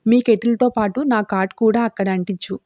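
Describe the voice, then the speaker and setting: A woman's voice: medium pitch, steady tone, brisk, no echo, close to an everyday voice. A woman reading as a blunt, suspicious young man. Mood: gruff. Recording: dull dry lo-fi recording.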